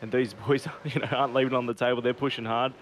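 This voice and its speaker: A man's voice: medium pitch, little pitch movement, quick pace. A man giving casual motorsport commentary as co-commentator on a sim race. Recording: constant car engine noise. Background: race cars and engine noise.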